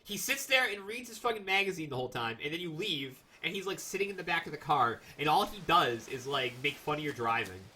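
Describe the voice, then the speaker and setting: Male let's-play streamer, excitable and sarcastic, bright voice with animated pitch. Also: a little fast, few pauses, slight background noise. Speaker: game streamer.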